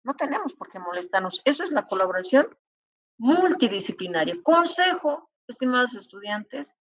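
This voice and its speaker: A woman's voice: fairly high pitch, big pitch swings, moderate pace, no room sound, lo-fi sound. A woman lecturing medical students, giving advice and acting out exchanges between colleagues. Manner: advising, acts out colleagues' dialogue. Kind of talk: university lecture.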